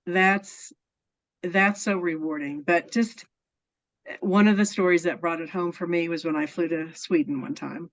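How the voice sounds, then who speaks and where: Speaking at a measured pace with a fairly low, steady voice, a woman interviewee tells personal stories with earnest enthusiasm and frequent laughter. It's a casual storytelling interview captured in dull lo-fi audio.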